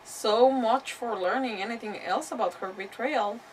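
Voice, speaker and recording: Slightly high-voiced woman streaming a game. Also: moderate pace, far from the mic, a little hiss or hum, low-quality recording. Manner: exclamatory, mild swearing, thinking aloud. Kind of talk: casual live gaming commentary.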